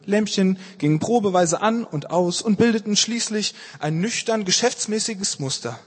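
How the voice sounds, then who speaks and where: A man narrating a story aloud in an expressive audiobook reading, with a dry, amused tone. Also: high voice, moderate pace, big-room sound.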